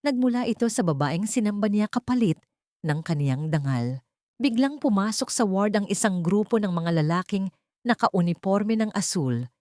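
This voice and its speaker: A woman with a Filipino accent narrates a scripted, dramatic audio story in an expressive, mid-range, slightly mellow voice at a moderate pace. The recording is studio quality with no room sound.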